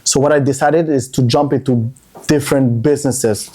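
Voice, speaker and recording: Chatting on a casual podcast, this Montreal entrepreneur recounts his story in a looping style that circles back on repeated words. He speaks at a moderate pace in a steady, mellow, mid-range voice.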